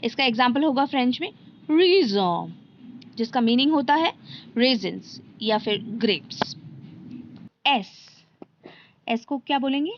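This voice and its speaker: A woman's voice: fairly high pitch, animated, measured pace, pauses often, highs cut off, slight background noise. A woman teaching a language lesson step by step, patiently repeating each letter and asking questions aloud.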